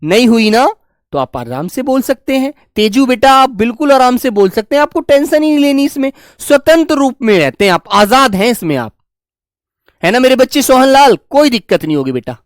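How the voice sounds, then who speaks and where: Guy teacher going over grammar, lively sing-song voice, keeps telling the kids not to stress, dry sound. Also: very high-pitched, dry recording. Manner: fond, reassuring, calls students "dear children"; repeats phrases slowly word by word while writing. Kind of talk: classroom lesson with slow dictation.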